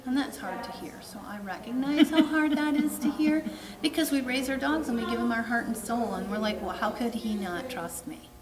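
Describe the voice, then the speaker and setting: A woman's voice: a little high, moderate pace, hardly any pauses, a crowd in the background. A woman dog trainer coaching a client in a frank, plainspoken way. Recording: roomy, distant, noisy background.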